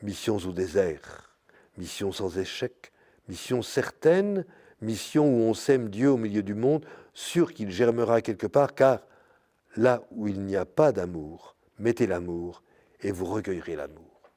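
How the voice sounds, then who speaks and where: Slow-speaking older French priest lecturing. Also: male voice, on the low side, expressive, mellow. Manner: slow, searching delivery with many "hein" and "euh". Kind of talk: spiritual lecture. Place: parish hall or church.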